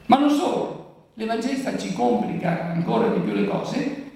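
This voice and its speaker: In a Bible commentary on the Gospel, this preacher raises rhetorical questions and answers them himself. His mid-range voice is animated and warm, moving at a moderate pace. The recording is very echoey, with his voice coming from a distance.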